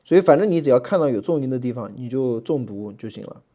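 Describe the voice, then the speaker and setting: A man teaching a Greek lesson in a relaxed lecturing way, with many fillers, slowing down to spell out letters and sounds. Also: mid-range voice.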